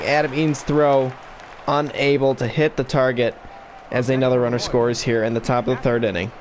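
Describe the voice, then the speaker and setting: A man's voice: fairly high pitch, a little hiss or hum. Man calling a baseball video game with hiccups. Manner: broadcaster-style play-by-play delivery, rising excitement on big plays. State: has the hiccups. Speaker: gaming YouTuber. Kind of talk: mock play-by-play baseball commentary over a video game.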